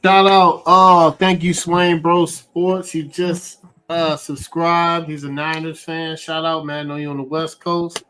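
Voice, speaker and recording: A man's voice: fairly high pitch, slight background noise. A man hosting a live sports fan show, talking eagerly with frequent restarts. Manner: excited, talks fast with many restarts.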